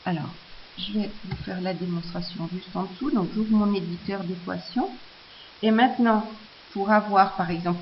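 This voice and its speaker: A woman talks through a screencast tutorial at a mid pitch, pausing often on fillers and restarting her sentences. The recording sounds a little dull and lo-fi, with a faint hiss underneath. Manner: hesitant, many fillers and restarts.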